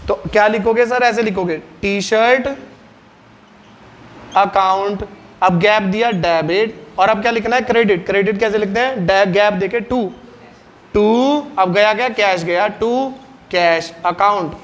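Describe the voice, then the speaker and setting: Drilling students with rapid questions, a high-voiced male teacher gets the class to respond out loud.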